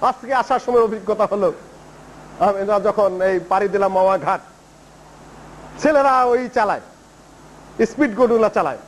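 A man from Bangladesh preaching a sermon in an animated storytelling manner, acting out quoted dialogue as he tells it. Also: extremely high pitch, a little hiss or hum, low-quality recording. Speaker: Islamic preacher.

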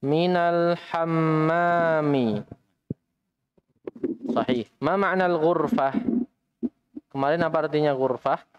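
A man's voice: fairly high pitch, normal speed, pauses often, lo-fi sound, a little hiss or hum. A man teaching an Arabic language class in a mosque, patiently repeating students' answers and correcting them. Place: mosque study session.

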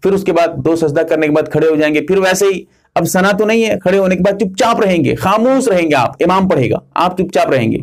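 A male Islamic scholar teaches religious practice with an earnest, emphatic delivery. His voice sits notably high for a man. He goes through each step in turn and comes back to the key warnings again and again. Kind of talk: religious instruction.

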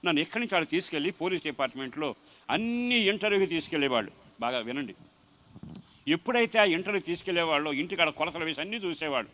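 A middle-aged man, a pastor preaching his testimony and swelling into loud emotional cries. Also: a little high, expressive, fast talker, rough recording. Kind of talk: testimony sermon.

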